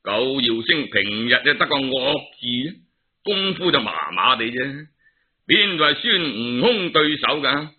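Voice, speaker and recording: A man's voice: medium pitch, big pitch swings, a little slow. A man with a Cantonese accent telling a traditional tale in a dramatic, theatrical and colloquial storytelling style, full of exclamations. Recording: narrow, tinny phone-like sound.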